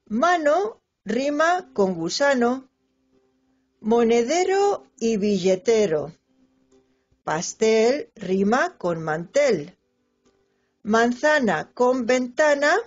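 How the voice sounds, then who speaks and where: Slow lilting woman teaching children. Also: fairly high pitch, big pitch swings. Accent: Spanish from Spain. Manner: slow, lilting, stretches out example words for children. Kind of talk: children's lesson narration. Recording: dull lo-fi sound with faint music.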